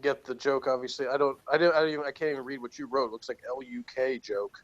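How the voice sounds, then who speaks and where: Here a man talks fast in a mid-range voice with fairly even intonation. He's hosting a laid-back episode review, sarcastic and quick to chuckle, working from notes. It's captured in dull lo-fi audio.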